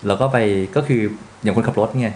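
A man's voice: fairly low pitch, fairly even intonation, fast talker, warm tone. A man in his fifties chatting casually and telling a long work story, mixing in English words. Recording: faint background noise.

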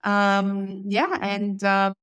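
This podcast guest is a woman, a change and communication manager whose first language is Italian and whose roots are in Switzerland and southern Italy. Her mid-range voice is clear and resonant, with no echo, captured in a dry, close recording as she explains at a steady pace, pausing frequently on "uh."

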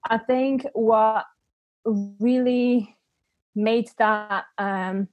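A young woman with a Bulgarian accent appears as a podcast guest, reflecting candidly in a conversational interview, thinking aloud and often restarting. Her voice is a little high and steady, with drawn-out words. The recording is dry and muffled.

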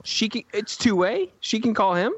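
A man's voice: high-pitched, big pitch swings, moderate pace, fairly bright tone, husky, muffled recording. A man casually chatting as a podcast co-host, asking questions and joking around with silly voices. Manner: jokey, asks clarifying questions, puts on silly voices. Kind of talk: casual chat.

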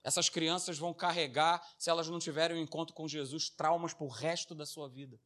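A man's voice: on the high side, steady tone, a little fast, fairly bright tone. A man, a pastor preaching a sermon with passion and talking directly to his congregation. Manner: impassioned, addresses the congregation as "dear ones".

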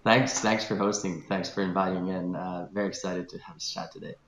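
A man from Lithuania, a guest on a podcast, talking in a relaxed, thoughtful way with hesitations. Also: low voice, fairly quick, roomy sound, poor audio. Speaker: guest, venture capital founder. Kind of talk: podcast interview.

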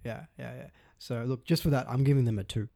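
Australian male podcast co-host, upbeat joker, mid pitch, dead-dry mic. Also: steady tone, fast, gravelly, mellow, no room sound. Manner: jokey, upbeat, often starts with "look". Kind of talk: casual chat.

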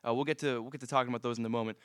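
A man of twenty-one hosting a casual interview at a music venue, asking relaxed questions with plenty of fillers. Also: mid-range voice, rapid-fire, clear, resonant tone, no room sound, clean studio sound. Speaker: interview host. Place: music venue after a live set.

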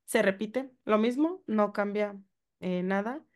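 A woman with a Mexican accent co-hosting a casual podcast, walking through song lyrics and singing bits of them. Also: medium pitch. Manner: slow, singing lyric snippets. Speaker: podcast co-host.

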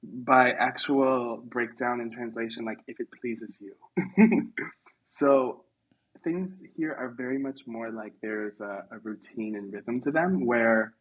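A man from the United States, a guest on a podcast, talking in a relaxed, halting way with small laughs. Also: mid-range voice, husky, low-quality recording. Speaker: interview guest. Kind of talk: casual interview chat.

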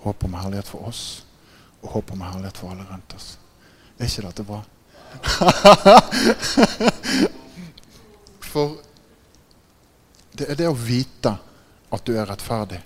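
A man preaching a sermon, telling stories with growing excitement, laughing often and checking in with listeners by asking "right?". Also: pauses often, husky. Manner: gets louder and higher in excited passages. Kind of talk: sermon with animated storytelling.

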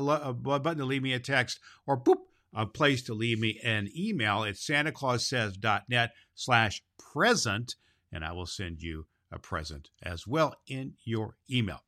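A man plays a jolly, kindly Santa Claus hosting and storytelling on a children's show, addressing boys and girls in a cheery, folksy way. His mid-range voice has a sharp tone.

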